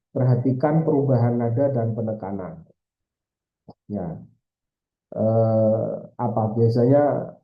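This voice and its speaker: Hesitant Indonesian man tutoring, roomy sound. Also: medium pitch. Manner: hesitant, many fillers and repeated tags. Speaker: Arabic language tutor. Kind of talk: informal exam-prep lesson. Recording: roomy, slightly dull sound.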